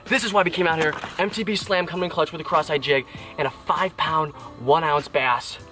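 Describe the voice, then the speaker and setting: A young man fishing at a pond outdoors, talking casually to his viewers on an action camera, excitable and quick to exclaim while sweating in the heat. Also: on the high side, faint music behind. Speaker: fishing vlogger. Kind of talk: casual vlog talk to camera.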